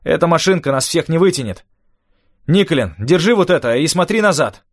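A man's voice: on the high side, sing-song, a little fast, slightly rough, no room sound, studio quality, pitched above the performer's own voice. A man voicing a tense middle-aged man who barks urgent orders under fire, lifting his voice well above his own. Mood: commanding. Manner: urgent, commanding shouts.

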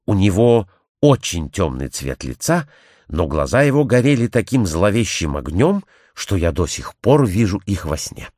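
A man voicing a timid young blonde woman who earnestly tells what she witnessed, in a measured storytelling manner. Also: low-pitched, very animated, a little mellow, no echo, clean studio sound.

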